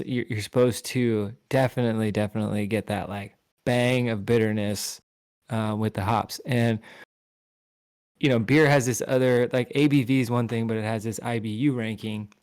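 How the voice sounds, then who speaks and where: A man's voice: mid-range voice, a little mellow, clean tone. A man co-hosting a casual podcast, explaining at length with lots of fillers. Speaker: podcast co-host. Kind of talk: casual chat.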